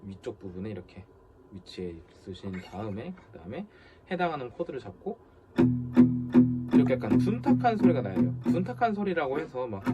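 Male guitar teacher explaining with lively pitch. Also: fairly quick, highs cut off. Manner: counts beats aloud over loud guitar playing. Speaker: guitar instructor. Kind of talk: guitar lesson with counting. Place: music studio. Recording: loud guitar over the voice.

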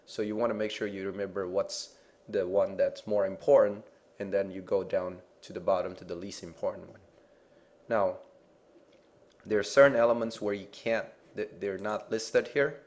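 Low-voiced man teaching chemistry. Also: fairly even intonation, normal speed, a little mellow. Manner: patient, repeats "okay?" to check understanding. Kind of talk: explaining slides in a lecture.

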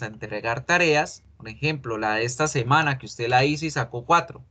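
A man's voice: fairly high pitch, sharp tone. A Colombian man with a congested, nasal voice, explaining things informally to his online class as their teacher and often checking they follow. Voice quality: nasal, stuffy nose. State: congested with a blocked nose. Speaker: English teacher. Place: online class call with screen share.

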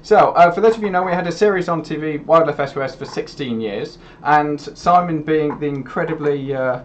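A man's voice: fairly high pitch, fairly quick, dull audio, slight background noise. A man co-hosting a live stream. He reads out donations and teases his colleague. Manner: reading out donations, teasing. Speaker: co-host.

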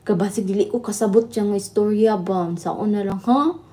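Woman, livestream host, chatty and laughing, mellow tone. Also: medium pitch, steady tone, normal speed. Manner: chatty, laughing, switching between Tagalog and Visayan. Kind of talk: casual live chat with viewers.

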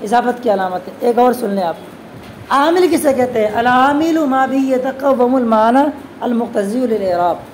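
A woman teaching a classroom grammar lesson, constantly posing quick questions to her students and answering them herself. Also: fairly high pitch, expressive, noisy background. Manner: addresses students as "beta". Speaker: religious teacher.

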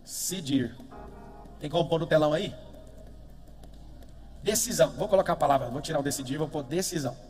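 Brazilian guy, high voice, motivational seminar, shouting chants in a big reverby hall. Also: fairly quick, pauses often. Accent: Brazilian Portuguese. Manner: emphatic, swings from low asides to shouted chants. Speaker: motivational speaker. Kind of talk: live motivational seminar with call-and-response. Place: large event hall with a big screen. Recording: long hall reverb, faint music behind.

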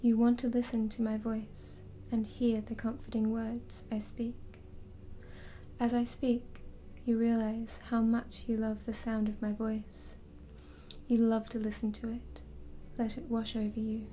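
A woman hypnotist leading a slow, soothing induction, drifting in and out of a whisper. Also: fairly high pitch, completely flat delivery, warm tone, a little hiss or hum.

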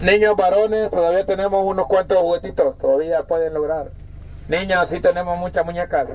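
A man's voice: sits high, steady tone, fairly quick, darkish tone, rough recording. A man with a Salvadoran accent joking with friends and calling out a toy giveaway from an open truck outdoors. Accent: Salvadoran Spanish. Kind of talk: casual joking banter and street calls.

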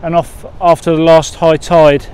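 High-voiced man fishing outdoors. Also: unhurried, a little hiss or hum. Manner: rambling, filler-heavy, excitable when fish bite. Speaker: sea angler vlogger. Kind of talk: casual outdoor vlogging. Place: windy seafront and harbour wall, outdoors. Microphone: action camera at arm's length.

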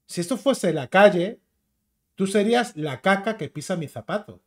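A man with a Spain Spanish accent delivers a combative, mocking YouTube rant. His voice sits high and swings widely in pitch as he jeers. The tone stays insulting throughout. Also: expressive, moderate pace, darkish tone. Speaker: YouTube commentator. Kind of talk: ranting commentary video.

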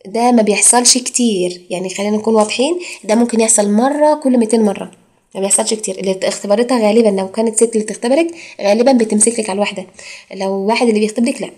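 Speaking at a medium pitch with a slightly mellow sound, a woman delivers a recorded IELTS lesson in Egyptian Arabic. English exam phrases pop up throughout, and she hesitates often, drawing her fillers out long.

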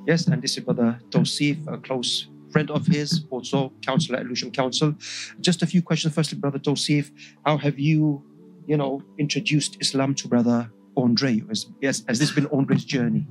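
A man interviewing and then guiding another man through a declaration phrase by phrase, in a clear and patient way. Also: medium pitch, steady tone, moderate pace, soft background music, rough recording. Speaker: imam leading a ceremony. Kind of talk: guiding a recitation line by line.

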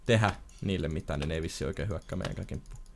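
A man playing a video game with a friend, chatting casually and telling a long story, with sudden loud outbursts, keyboard typing audible. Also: low voice, gravelly, slight background noise. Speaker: gamer co-host. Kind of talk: casual let's-play chat.

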